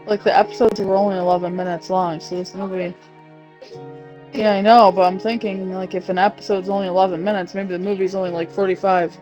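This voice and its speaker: A woman streamer chatting casually with family while playing a game, in a relaxed, grumbling way, with game music faint behind her. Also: mid-range voice, a little fast, lo-fi sound. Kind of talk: casual chat while gaming.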